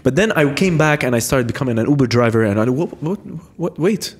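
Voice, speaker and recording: A man's voice: mid-range voice, expressive, a little fast. A male podcast host chatting casually, teasing his guest and often stopping to restart his sentences. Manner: teasing, hesitant with many restarts. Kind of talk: casual interview chat. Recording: echoey room with long reverb.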